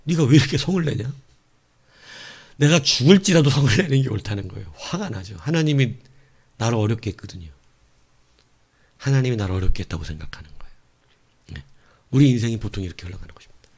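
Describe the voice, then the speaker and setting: A middle-aged man preaching a sermon as pastor, telling the story playfully with laughs and dropping to quiet asides. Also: lowish voice, expressive, quick pace, long pauses, husky.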